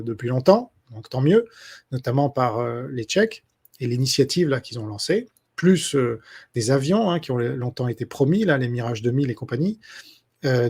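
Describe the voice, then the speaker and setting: A man's voice: medium pitch, creaky, a little mellow, husky. A man answering his subscribers' questions in a casual spoken monologue, hesitant and full of fillers and restarts.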